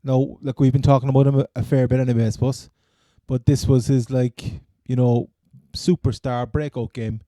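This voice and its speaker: Male sports co-host, Cork Irish accent, dark relaxed tone, dry close sound, halting and repetitive, casual chat. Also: mid-range voice, no room sound. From Cork, Ireland. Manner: rambling, stammering, repeats phrases. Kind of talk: casual American football chat.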